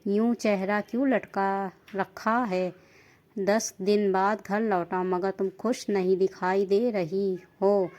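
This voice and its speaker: A woman's voice: mid-range voice, fairly even intonation, slow, a little mellow, dull audio, lightly acted. Affectionate young husband, coaxing questions, read by a female narrator.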